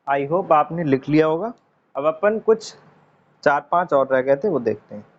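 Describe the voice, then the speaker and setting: A man teaching English vocabulary in a casual classroom lesson, chatty and repeating words slowly for pronunciation. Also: fairly high pitch, expressive. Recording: dull lo-fi sound, faint noise.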